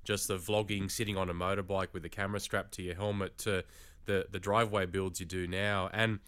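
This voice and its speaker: A man hosting a casual interview in an encouraging, conversational way with a smooth, clear voice. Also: low-pitched, little pitch movement, brisk, a bit bright, no echo, studio quality. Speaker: host interviewing a YouTuber.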